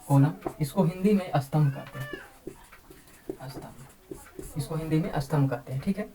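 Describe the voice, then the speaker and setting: A woman teaching a math lesson, explaining slowly and repeating key terms over and over. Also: low voice, low-quality recording. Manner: repeats words and says "ठीक है" often, slow deliberate explaining. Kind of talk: classroom-style math lesson.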